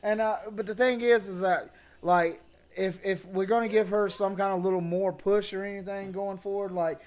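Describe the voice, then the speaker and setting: A man hosting a casual wrestling podcast, excitable and quick to react, swearing freely. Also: high voice. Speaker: podcast host.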